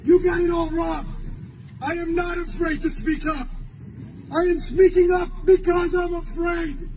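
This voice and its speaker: Impassioned high-pitched shouting man. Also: little pitch movement, measured pace, a little hiss or hum, rough recording. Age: 40s. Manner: emotional, shouting, forceful repetition. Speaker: university employee speaking at a rally. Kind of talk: impassioned rally speech.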